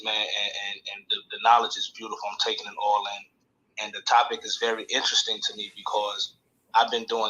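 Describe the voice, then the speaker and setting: A man's voice: fairly low pitch, sharp tone, low-quality recording. An American man talking on his phone in a casual live audio chat, humble and rambling, with many restarts. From United States. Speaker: participant.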